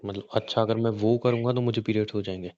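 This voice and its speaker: This man's natural voice is lowish, fast and warm, with fairly even intonation, and the recording sounds dull and lo-fi, like a recorded call. He is acting in a conversational audio drama as a suspicious, hot-tempered young husband, confused and bluntly pressing with the same questions again and again.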